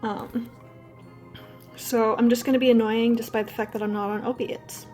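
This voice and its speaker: A woman's voice: on the high side, little pitch movement, normal speed, a little mellow, soft background music. A young adult woman vlogging in a casual, candid, rambling way, telling personal stories and swearing now and then. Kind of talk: casual personal storytelling to camera.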